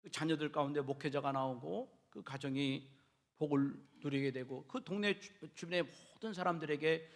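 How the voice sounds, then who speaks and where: A middle-aged man preaching an impassioned sermon in a church, repeating phrases and building up to shouts. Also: fairly high pitch, normal speed. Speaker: pastor. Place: church sanctuary.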